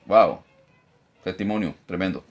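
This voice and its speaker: A man preaching a Bible lesson, animated, repeating phrases for emphasis and mimicking objectors. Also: sits low, measured pace, soft background music. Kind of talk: live-streamed Bible teaching.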